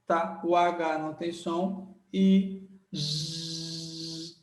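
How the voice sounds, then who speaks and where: A man's voice: fairly high pitch, level tone, recorded from a distance, faint music behind. A male teacher with a Brazilian Portuguese accent, giving a recorded lesson, repeating letter sounds emphatically and checking in with his students. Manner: sounds out letters slowly and loudly. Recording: roomy echo, voice a bit off-mic.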